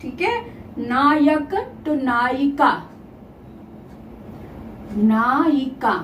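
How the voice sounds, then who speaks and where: A high-pitched woman teaches a grammar lesson at an unhurried pace, breaking each word into its single sounds. Her voice is heard from some distance in a roomy, echoing space with a faint background hum. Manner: slow, spells out each sound step by step. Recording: roomy echo, voice from afar, faint ambience.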